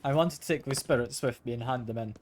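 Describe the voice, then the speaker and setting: A man talks his way through a video game in a casual, unhurried way. His mid-pitched voice often drops into self-questioning mutters. Game ambience is clearly audible behind him. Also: darkish tone, slight background noise. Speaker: video game streamer narrating own play. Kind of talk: casual gameplay commentary.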